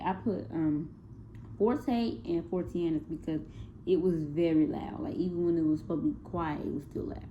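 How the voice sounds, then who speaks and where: A young woman giving a casual spoken class presentation on a music project, hesitant, with many fillers and self-corrections. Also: low voice. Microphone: phone. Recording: tinny phone-like recording with faint noise.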